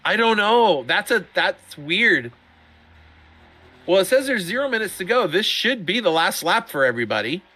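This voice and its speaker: A middle-aged man giving chatty, excitable sim racing commentary, often laughing. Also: high-pitched, normal speed. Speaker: race commentator.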